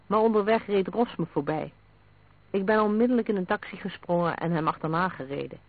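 A man's voice: high voice, fairly quick, dry recording. A man voicing a young reporter who talks hurriedly and out of breath. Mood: breathless. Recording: narrow phone-like sound.

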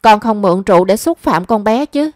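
A woman's voice: mid-range voice, animated, fairly quick, darkish tone, no room sound, studio quality, natural voice. A woman reading the lines of a stern middle-aged mother who scolds and questions her son. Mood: scolding. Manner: scolding, probing.

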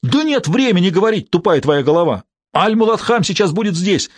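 A man voicing a frantic Israeli male agent who yells and curses. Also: high voice, expressive, a little fast, no room sound, voice pushed up. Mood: frantic yelling. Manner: yelling, frantic, abusive.

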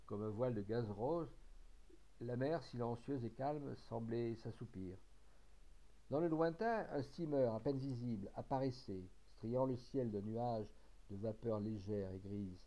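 A man reading a classic short story aloud in a measured, expressive way. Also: mid-range voice. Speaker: audiobook reader. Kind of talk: literary narration.

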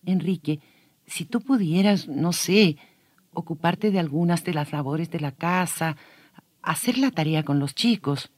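A man's voice: a little high, unhurried, a little mellow, no room sound. A man voicing a tired, overworked wife who hesitantly pleads with her husband in a children's radio story. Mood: pleading.

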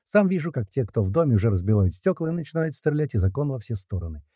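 A man's voice: mid-range voice, very animated, fast talker, warm tone, no room sound, clean studio sound. A man reading a first-person action audiobook aloud, with tense narration and the dialogue read in. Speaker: audiobook reader.

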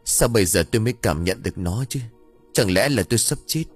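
A man's voice: fairly low pitch, lively intonation, fast, breathy edge, soft background music. A man voicing an ailing older village woman who fears she is dying. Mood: fearful. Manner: fearful, despairing.

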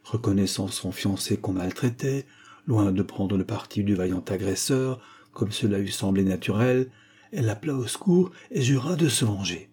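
A man narrating a classic story as an audiobook reader, measured and expressive. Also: fairly low pitch, breathy edge. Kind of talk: scripted narration.

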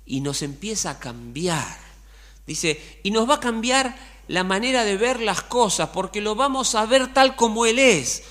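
A man's voice: sits high, animated, a little slow, fairly bright tone. A middle-aged man with an Argentine accent preaching a sermon as pastor, colloquial and full of rhetorical questions. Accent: Argentine Spanish.

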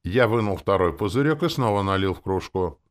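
A man narrating a first-person fantasy audiobook in a wry, expressive way. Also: sits low, fairly quick.

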